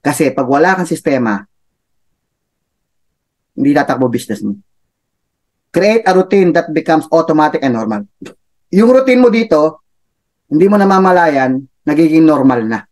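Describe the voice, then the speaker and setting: A man's voice: on the high side, very animated, normal speed, long pauses, darkish tone. A man giving a chatty motivational talk, laughing often and tossing in tag questions. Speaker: motivational speaker for a business club.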